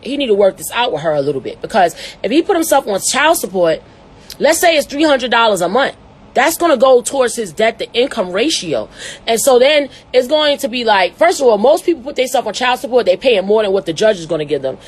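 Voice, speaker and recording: Blunt, profane woman advice host. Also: a little high. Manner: blunt, profane, animated commentary. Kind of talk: reading and answering a listener letter.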